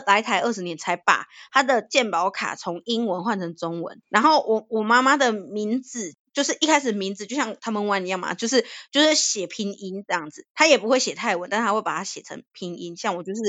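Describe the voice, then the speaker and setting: A woman's voice: medium pitch, expressive, brisk, few pauses, a bit bright, no room sound. A young woman from Thailand, a native Thai speaker, co-hosting a casual chat and explaining things at length with frequent laughs. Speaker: podcast co-host.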